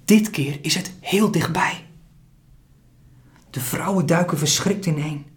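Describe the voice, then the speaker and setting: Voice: mid-range voice, takes it slowly. Een kalme verteller die een kinderverhaal voorleest met een middelhoge stem. Het tempo is rustig en gelijkmatig. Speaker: narrator. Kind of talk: scripted storybook narration.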